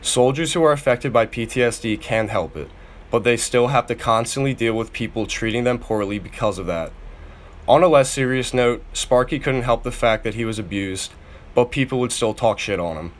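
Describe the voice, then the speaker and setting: A young man reading his own personal memoir aloud, steady and earnest, letting his sentence ends fall away softly. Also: mid-range voice, normal speed. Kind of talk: read-aloud personal narrative.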